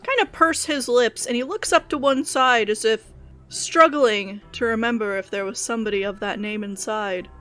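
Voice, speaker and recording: A woman's voice: fairly high pitch, normal speed, a bit bright, faint music behind. Brief: a woman running a tabletop game, vivid narration, light and playful. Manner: descriptive and playful, laughs often. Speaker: game master.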